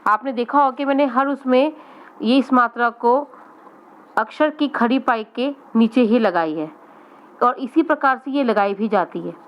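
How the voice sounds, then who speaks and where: A woman teaching young children to read, slowly sounding out each letter and word. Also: a little high, dull audio. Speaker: primary school teacher. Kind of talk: children's reading lesson.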